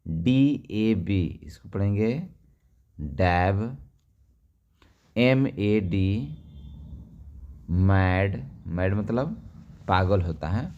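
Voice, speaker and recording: A man gives a very slow reading lesson in a lowish voice. He spells each short word letter by letter, asks how it reads, then answers his own question. The recording is dull and lo-fi. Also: lively intonation, darkish tone. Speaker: English reading teacher.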